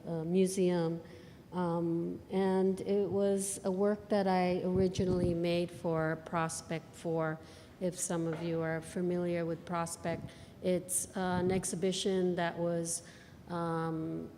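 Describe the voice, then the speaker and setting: A woman from Bangladesh, an artist, talking about her work in a live on-stage interview with thoughtful pauses between phrases. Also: lowish voice, warm tone, big-room sound, slight background noise.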